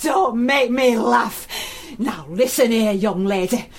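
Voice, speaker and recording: A woman doing a shrill furious older mother. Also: takes it slowly, creaky. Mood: scolding. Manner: shrill, scolding.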